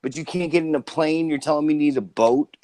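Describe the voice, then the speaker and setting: A man's voice: a little high, quick pace, warm tone, dry recording. A man on a phone call ranting in a sarcastic, profane, exasperated way. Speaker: prank caller and channel host. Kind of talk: trolling phone call rant.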